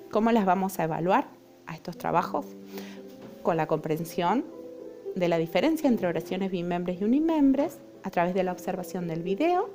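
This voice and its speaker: A woman's voice: mid-range voice, dark tone. A young adult woman teacher, explaining a lesson patiently and often checking in with her students. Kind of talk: recorded online lesson.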